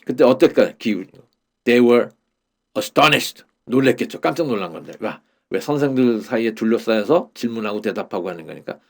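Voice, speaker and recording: A man teaching a Korean-language lesson on English Bible verses. He explains slowly, repeats the English phrases and uses many fillers. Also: mid-range voice, animated, vocal fry, darkish tone.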